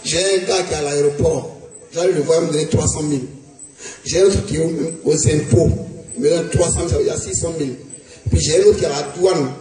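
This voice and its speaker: A man's voice: fairly high pitch, fairly even intonation, fast talker, warm tone, close to an everyday voice. A man with an Ivorian accent playing a bossy, bragging woman friend in a live comedy sketch, with a raised woman's voice. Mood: boastful. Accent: Ivorian French. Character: boastful, scolding woman friend. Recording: echoey live stage, distant mic, faint music.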